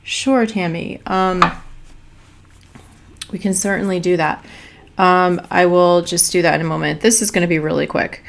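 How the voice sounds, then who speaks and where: Woman host with a stuffy nose and a lowish voice, chatty and relaxed, greeting live viewers. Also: moderate pace, creaky, long pauses, a little hiss or hum. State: stuffy from allergy. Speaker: host of an animal communication live stream. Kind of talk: casual live-stream chat.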